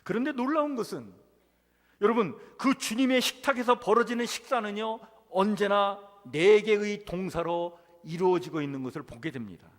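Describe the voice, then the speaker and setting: A male pastor with a high voice preaches to his congregation, rising and swelling on the words he stresses. His voice rings with the long reverb of a church sanctuary. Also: moderate pace. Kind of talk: sermon.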